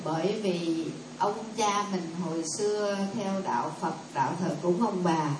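Casting: female audience speaker, earnest and deferential, distant in a reverberant hall with steady background noise. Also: fairly low pitch, a little slow. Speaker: audience member giving her view. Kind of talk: speaking up at a temple discussion.

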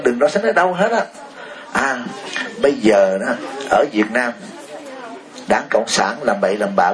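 A man giving an impassioned political talk, firing rhetorical questions at his listeners and chuckling often. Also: mid-range voice. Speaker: speaker addressing an audience.

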